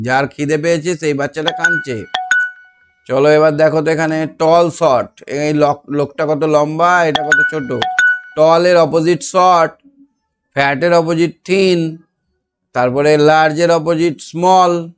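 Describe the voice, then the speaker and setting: A male teacher with a somewhat high voice takes a live online class. He reads each sentence out slowly and deliberately, then explains it and checks that the students can hear him. His pace is unhurried and his manner patient. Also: steady tone, soft background music. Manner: slow, deliberate reading of English sentences with explanations in between. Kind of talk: online class revision lesson. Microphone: online class call.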